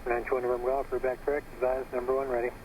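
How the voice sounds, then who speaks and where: A man working as an air traffic controller, reading clearances in standard phraseology over the radio. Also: medium pitch, monotone, very fast. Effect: aviation radio. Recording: radio transmission with faint noise.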